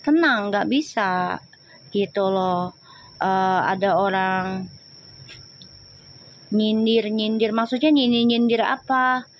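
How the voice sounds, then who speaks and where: A woman's voice: mid-range voice, slow, pauses often, slight background noise. Chatty tarot reader woman. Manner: chatty, scolds commenters, switches to slangy banter. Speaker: tarot reader on a live stream. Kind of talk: live-stream tarot reading and chat replies.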